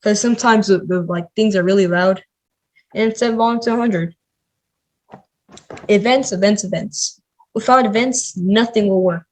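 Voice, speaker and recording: A man's voice: high-pitched, normal speed, pauses often, low-quality recording. A man teaching a coding tutorial in a casual, chatty way, with many "like" and "um" fillers. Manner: chatty, filler-heavy, says "like" a lot. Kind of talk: casual screen-recorded tutorial.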